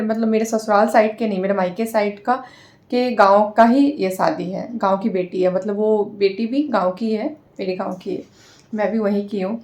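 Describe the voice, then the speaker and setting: Chatty Bihari woman, gravelly low tone. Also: a little mellow. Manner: chatty, rambling with many fillers. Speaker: vlogger. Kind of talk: casual vlog chat.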